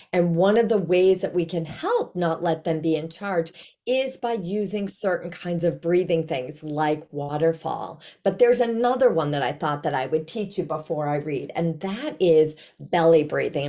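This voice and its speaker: An older woman with a slightly low voice teaches young children over a video call. She explains things in simple steps and gives encouraging instructions, as an author speaking to a class. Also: mellow. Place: small indoor room at home. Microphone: video call, computer mic at desk distance.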